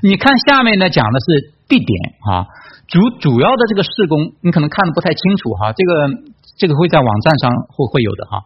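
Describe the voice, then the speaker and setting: A man with a fairly high, slightly rough voice preaches a Bible study in a very animated, fast, conversational way, and the recording is muffled. He reads scripture aloud, asks his listeners questions, and uses many tag questions and fillers.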